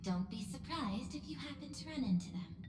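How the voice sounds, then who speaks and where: In video game voice acting, a woman plays a poised, courteous, shrewd corporate executive and planetary governor, speaking formally, diplomatically, and with measured control. Her voice sits high with lively intonation, and she sounds composed and welcoming. The recording has long, roomy reverb with music behind.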